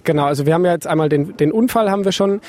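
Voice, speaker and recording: A man's voice: on the high side, very fast, a little mellow. A man who leads a film workshop, answering interview questions casually with some hesitation and fillers. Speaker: workshop leader.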